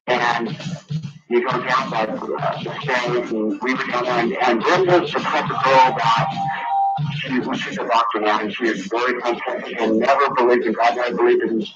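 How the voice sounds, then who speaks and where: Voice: mid-range voice, fairly even intonation, normal speed, recorded from a distance, loud music behind the voice. A caller speaks on a radio phone-in line, telling a personal story. The delivery is casual and conversational, like recounting something to a host. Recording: phone call on a radio broadcast.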